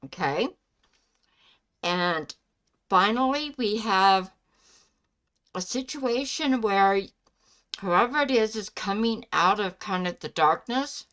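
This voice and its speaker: A woman chatting casually as a live stream host, speaking in a halting way with pauses mid-sentence. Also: on the high side, a bit bright. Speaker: live stream host giving psychic love readings.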